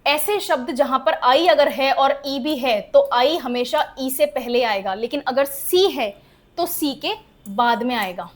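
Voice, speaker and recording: Speaking slowly in a high voice, a woman teaches spelling rules to her class in a chatty, lively manner. This English teacher keeps asking the students questions to see if they follow and finds humor in the oddities.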